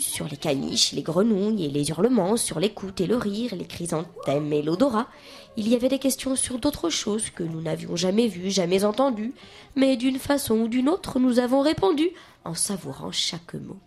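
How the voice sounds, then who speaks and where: A woman reading a children's book aloud in a lively, expressive way, with whispered asides. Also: medium pitch, normal speed, creaky. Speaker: storyteller.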